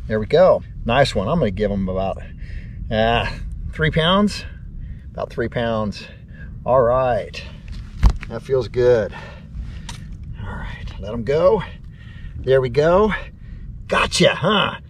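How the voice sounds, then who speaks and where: A middle-aged man on a bass boat, chatting to his viewers as he casts and reels in fish. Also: very animated, takes it slowly, long pauses, slight background noise. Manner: talks to viewers while casting, upbeat and chatty. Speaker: fishing vlogger. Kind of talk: casual fishing vlog commentary. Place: open bass boat on a lake, outdoors.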